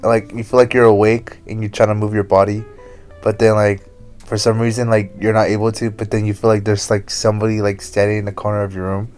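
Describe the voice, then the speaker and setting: Teasing young man, lower voice. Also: little pitch movement, a little fast, darkish tone, faint music behind. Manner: teasing, asks lots of questions. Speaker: podcast co-host. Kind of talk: casual chat.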